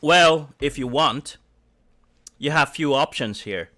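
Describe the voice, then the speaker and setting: A man's voice: fairly high pitch, slow, bright, forceful tone. A man acting as game master, narrating a tabletop role-playing game in a rambling way with many restarts. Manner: rambling, with frequent restarts and fillers.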